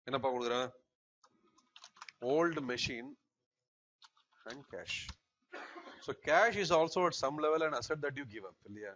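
A middle-aged man with a Tamil South Indian accent teaches in a fast, sharp voice. He dictates notes and keeps tossing short check questions to his students. The recording is a little muffled, with faint noise and keyboard clicks. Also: mid-range voice. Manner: asks the class frequent short check questions. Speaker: accountancy lecturer. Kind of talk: classroom lecture, dictating notes.

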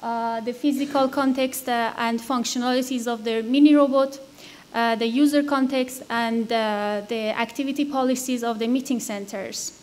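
A young woman presents research findings from a conference podium in a high voice. She is hesitant and fills gaps with ums and uhs. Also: steady tone, normal speed, a little mellow. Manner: hesitant, many fillers.

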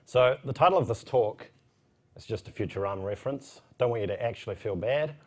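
A man's voice: mid-range voice, fairly quick, darkish tone. A man in his thirties with a broad New Zealand accent, giving an informal technical conference talk with casual, wry asides. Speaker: conference speaker. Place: indoor conference room, at a podium.

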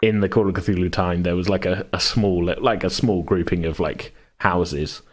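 A man with a low, steady voice speaks at a moderate pace as a podcast host and game master. His casual chat rambles and hedges, and he often interrupts himself.

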